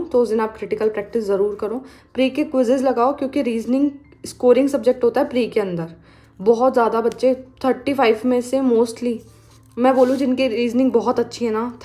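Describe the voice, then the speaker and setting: A woman's voice: a little high, dark tone. A young woman vlogger giving casual exam study advice, chatty and mixing English phrases into her talk.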